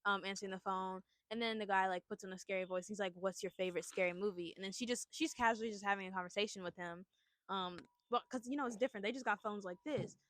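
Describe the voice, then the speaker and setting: A woman's voice: mid-range voice, fast talker, a bit bright, dry recording. A young woman co-hosting a podcast, casually retelling a horror movie plot in a chatty, rambling way. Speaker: podcast co-host. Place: outdoors at a picnic.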